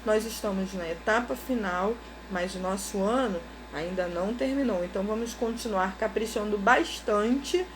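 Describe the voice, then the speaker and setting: A woman's voice: mid-range voice, normal speed, few pauses, a little hiss or hum. A woman teacher giving a recorded lesson to schoolchildren, explaining each step patiently and checking in with "ok?".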